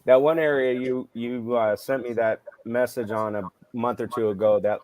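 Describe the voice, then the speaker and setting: A man's voice: medium pitch, fairly even intonation, normal speed, darkish tone. A man chatting casually as a guest on a video call. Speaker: guest on a car chat show. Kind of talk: casual chat. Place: indoor room on a video call.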